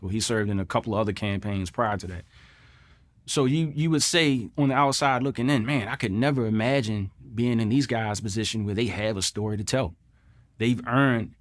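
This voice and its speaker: A middle-aged man, a combat veteran, giving a personal interview recollection in a reflective, earnest way, repeating phrases for emphasis. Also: medium pitch.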